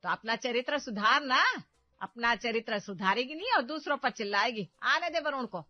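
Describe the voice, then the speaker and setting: A woman voicing a domineering, scheming middle-aged mother in a cartoon story, loud and scolding. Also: medium pitch, moderate pace, no room sound, dull audio, faint music behind, lightly acted.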